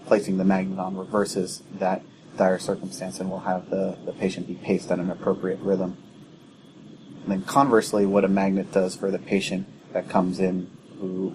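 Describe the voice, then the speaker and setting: Brief: male emergency doctor, very low voice, steady teaching delivery, faint background hiss. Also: poor audio. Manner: measured, teaching tone. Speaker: emergency physician guest. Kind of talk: clinical explanation in a podcast interview.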